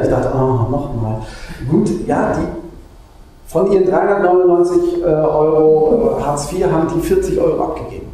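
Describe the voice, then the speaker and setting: A man preaching a sermon in a church, lively and conversational, with asides and little jokes. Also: a little high. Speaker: pastor. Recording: very echoey church room.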